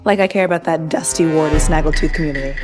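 An actress playing a vain, sharp-tongued witch who is fed up with everyone, her lines dry and cutting. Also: low-pitched, fast, lightly acted. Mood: exasperated. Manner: sarcastic, cutting. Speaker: actor in a TV series. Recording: scene audio under faint music.

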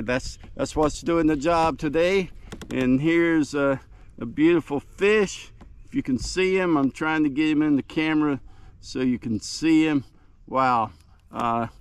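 An older man narrating casually as he fights fish from a kayak on a lake, whooping with excitement, recorded on a mounted camera. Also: medium pitch, clean tone. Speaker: fishing vlogger. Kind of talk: casual narration while fishing. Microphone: action camera mounted on kayak.

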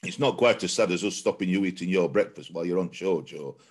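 A man's voice: sits low, fast talker, a little mellow, slightly rough. A man co-hosting a casual football chat over a video call, blunt and emphatic, often stammering as he starts a sentence. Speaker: co-host.

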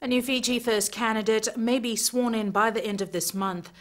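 A woman's voice: a little high, steady tone, moderate pace, a little hiss or hum. A young woman reading scripted news as an anchor. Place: television studio.

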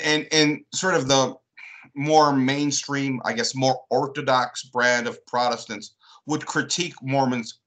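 Bright-voiced man discussing church history. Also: mid-range voice, poor audio. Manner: thoughtful, builds questions with repeated "right?". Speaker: co-host. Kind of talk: casual religious discussion.

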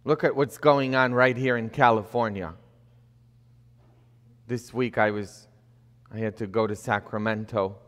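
Slow-preaching priest in an echoey church. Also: male voice, lowish voice, fairly even intonation, fairly bright tone. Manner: preaching with rising emphasis and rhetorical questions. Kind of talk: sermon. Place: church sanctuary, indoors. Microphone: fixed camera at a distance, pulpit. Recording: long reverb of a church hall.

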